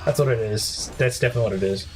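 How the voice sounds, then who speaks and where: A young man casually commentating a video game, quick to complain and laugh. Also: mid-range voice, music in the background. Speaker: let's play host.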